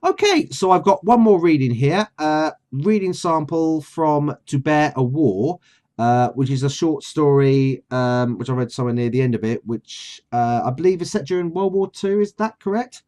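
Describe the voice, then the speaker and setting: A man chatting and reading aloud as host, his pitch moving up and down a lot. He talks loosely, pausing on fillers like "uh" and "um" between thoughts. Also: expressive, a little mellow. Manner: chatty, with many fillers and laughs. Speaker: author and channel host. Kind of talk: casual chat and book reading.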